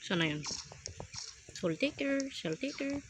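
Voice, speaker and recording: A woman's voice: mid-range voice, big pitch swings, takes it slowly. A woman streaming a game in Filipino, chatting casually, teasing opponents and breaking into sudden outbursts. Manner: teasing, playful trash talk with sudden outbursts. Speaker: gamer streamer. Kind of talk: casual gameplay commentary. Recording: loud background noise.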